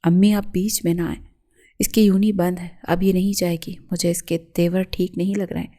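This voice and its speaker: A woman voicing a furious, jealous young man who shouts accusations and threats at his fiancée. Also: fairly low pitch, little pitch movement, close to an everyday voice.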